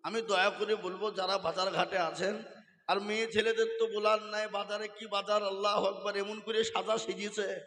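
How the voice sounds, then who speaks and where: A high-pitched man preaches a sermon, now and then chanting verses and pressing his listeners to answer back. His voice is bright and cutting. It rings out with a long, roomy reverb. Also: level tone, moderate pace. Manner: exhorting, keeps prodding the crowd to answer. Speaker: Islamic preacher. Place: outdoor religious gathering over loudspeakers. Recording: echoey hall-like reverb.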